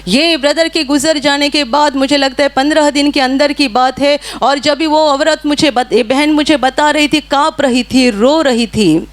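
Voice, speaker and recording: Woman preacher, high voice, earnest storytelling sermon. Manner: earnest storytelling with repeated hallelujahs.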